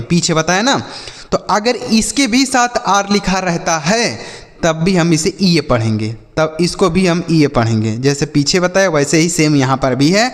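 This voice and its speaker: In a classroom-style phonics lesson, a male English teacher with a slightly high voice guides children through each sound, then quizzes them back. He's patient and repeats himself often, and a long, hall-like reverb surrounds his voice.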